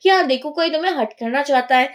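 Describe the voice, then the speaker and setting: A woman's voice: sits high, quick pace, close to an everyday voice. A woman voicing an exasperated young male police officer who scolds constantly.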